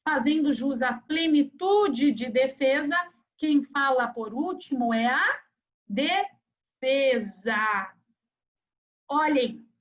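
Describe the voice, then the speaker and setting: A woman's voice: high voice, lo-fi sound. A Brazilian woman teaching an online law class, explaining procedure and checking in with her students as she goes. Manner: lively storyteller, acts out quoted voices, checks in with students. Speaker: law lecturer. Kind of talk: online lecture with anecdotes.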